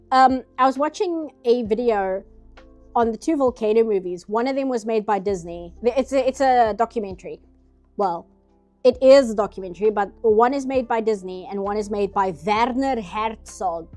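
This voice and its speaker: A woman with a warm, fairly high, nasal-sounding voice streams herself painting, chatting casually in rambling asides as she draws.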